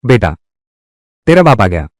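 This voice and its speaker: In a close studio recording with no echo, a male voice actor threatens and confronts as a menacing tough guy in a Hindi dub of a live-action revenge drama. His voice is lowish and sing-song, and he speaks a little slowly.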